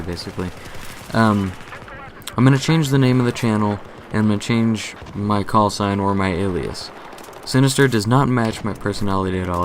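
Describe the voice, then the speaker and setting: A young man who runs a gaming channel gives a casual update in a deep, monotone voice. He rambles, corrects himself, and cracks jokes as he goes, with noise audible in the background.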